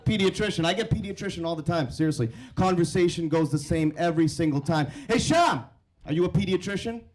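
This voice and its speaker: A young Indian man with a slightly high, slightly mellow voice does stand-up on a club stage, handheld mic in hand. He's brash and teasing, trading quick banter with the crowd.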